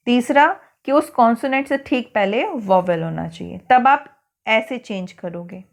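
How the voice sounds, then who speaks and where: A woman's voice: on the high side, a little slow, gravelly. Indian woman teaching English grammar patiently. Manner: patient, spells words out letter by letter. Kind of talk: worksheet lesson for schoolchildren.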